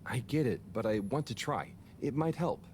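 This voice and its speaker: A man's voice: mid-range voice, expressive, moderate pace, a little mellow, soft background music, natural voice. Harold, hesitant young man, voiced by a man. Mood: anxious.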